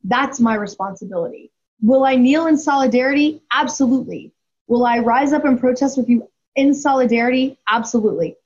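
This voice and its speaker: A woman's voice: sits high, fairly quick, darkish tone, breathy edge. A woman in her forties, speaking as a guest and telling a story candidly, with emphasis and frequent restarts. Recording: dull lo-fi audio.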